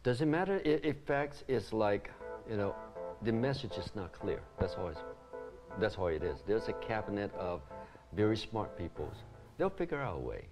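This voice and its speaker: A middle-aged Taiwanese man who founded a community answers interview questions earnestly in an ornate living room, animated and gesturing with his hands as he explains. His voice is on the low side at normal speed, with music in the background.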